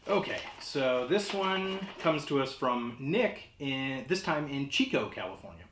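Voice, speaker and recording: A man's voice: mid-range voice, sing-song, unhurried, a bit bright, a little hiss or hum. A man presenting as a casual horror host, with a hesitant, rambling, awkwardly comic delivery. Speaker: horror host of a holiday movie show. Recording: roomy, echoey sound.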